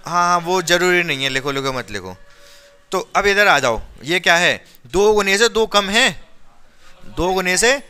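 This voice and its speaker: A male teacher leads a classroom chemistry lesson with a bright, crisp voice pitched a little high. He walks students through each step, asking questions and checking again and again that they understand. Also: sing-song, a little slow. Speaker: science teacher.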